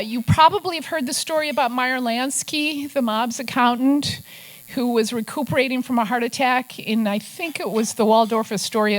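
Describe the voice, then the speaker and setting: Poor audio captures an older investigative journalist from Minnesota whose voice runs on the high side. Addressing a press club, she tells stories laced with wry asides and puts on gruff voices for quotations.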